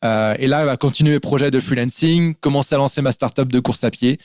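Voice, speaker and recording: A man's voice: medium pitch, fairly quick, a little mellow, no echo, clean studio sound. A man from France, a guest in a casual interview, explaining things in lists with lots of fillers. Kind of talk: casual interview over a call.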